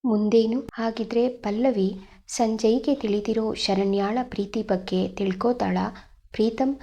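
A woman's voice: on the high side, fairly even intonation, measured pace, dark tone. A woman storyteller reading a scripted story expressively, asking her listeners questions.

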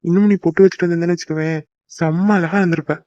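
A man's voice: fairly high pitch, steady tone, very fast, a little mellow, no echo, muffled recording, lightly acted. A young man voicing a teasing, devoted boyfriend in a cartoon, coaxing and joking. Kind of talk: cartoon voice acting.

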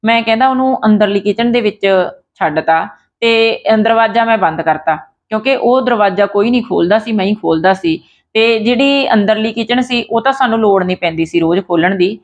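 A woman's voice: medium pitch, fairly quick. A woman retelling a true story in a casual, conversational way, with fillers and restarts. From Punjab. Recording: dull lo-fi sound.

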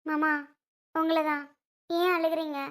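A woman playing a gentle young wife who coaxes and comforts her crying husband. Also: very high voice, little pitch movement, a little slow. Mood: soothing. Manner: soothing, coaxing.

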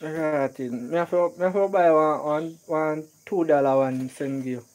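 A woman's voice: deep voice, unhurried, a little mellow. A Jamaican woman vlogging outdoors, chatting in Patois with a lot of laughter and repeated "yeah, man". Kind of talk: casual chat in Patois.

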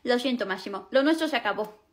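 A woman's voice: a little high, animated, fast, natural voice. Woman as a regretful girlfriend. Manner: apologetic, earnest. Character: regretful, resigned young girlfriend. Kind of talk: comedy skit.

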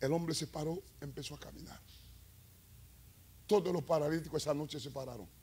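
A male evangelist preaching a sermon, telling stories and rising to loud climaxes with call-and-response. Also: fairly high pitch, a little fast, slightly rough. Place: church.

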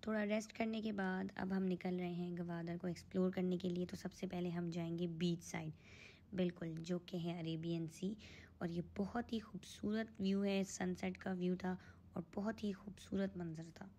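A woman's voice: on the low side, level tone, moderate pace, dark tone, a little hiss or hum. A woman narrating her own travel vlog, pointing out the sights to her viewers along the way. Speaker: travel vlogger.

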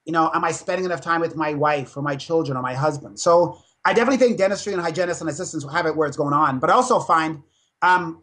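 Man, 50s, high voice, energetic storyteller, podcast guest. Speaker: dentist and fitness speaker. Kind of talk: podcast interview.

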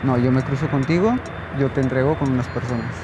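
Calm measured man in his thirties. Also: mid-range voice, background noise. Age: 30s. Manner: calm, measured, hesitant with repeated words. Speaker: interviewee. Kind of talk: outdoor interview answers. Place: outdoors at dusk near a border fence. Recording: music bed under the speech.

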